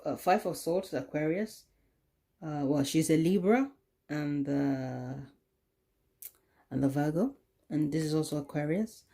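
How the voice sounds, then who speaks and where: A woman giving a tarot card reading, talking in a slow, soothing way with many "okay?" tag questions. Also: sits low, dark tone. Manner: drops into a whisper at times. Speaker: tarot reader.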